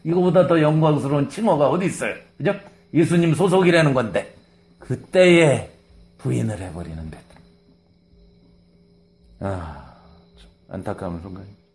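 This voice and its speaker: Animated male preacher, lively pitch. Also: moderate pace, pauses often. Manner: animated, acts out quoted lines, conversational asides. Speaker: pastor. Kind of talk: sermon.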